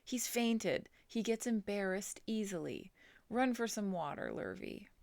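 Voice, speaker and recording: Woman playing a loud flustered farmer, hollering, gravelly, dry sound. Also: mid-range voice, extremely slow, no room sound, full character voice. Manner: excited, hollering, raised voice. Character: flustered middle-aged male farmer, excitable.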